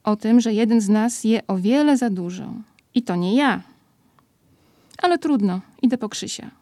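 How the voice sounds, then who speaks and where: A fussy, grumbling rabbit, voiced by a woman reading a storybook frets and scolds. The voice sits fairly high and mellow, with a dry, close sound. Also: expressive, moderate pace, dry recording, close to an everyday voice.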